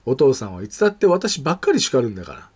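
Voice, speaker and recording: A man's voice: medium pitch, big pitch swings, quick pace, slightly rough. A man voicing a stubborn, defiant little girl as he reads a picture book aloud, with a pouting, insistent manner.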